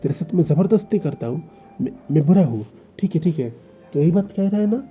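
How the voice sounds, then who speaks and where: A man's voice: a little high, expressive, brisk, mellow, breathy edge, soft background music. A man voicing a possessive, jealous young man who pleads with his partner in a stammering, reproachful way. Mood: pleading.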